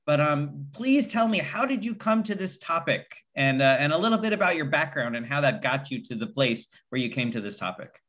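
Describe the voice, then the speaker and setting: A man's voice: a little high, sing-song, a little fast, few pauses, fairly bright tone. A man hosting a podcast interview, enthusiastic and friendly. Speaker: podcast host. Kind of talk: casual interview.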